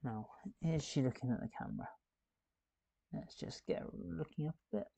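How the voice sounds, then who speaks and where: A man's voice: fairly high pitch, huge pitch swings, normal speed, creaky, warm tone, dry recording. A man hosting a live building stream, chatting and thinking aloud as he works. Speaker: host.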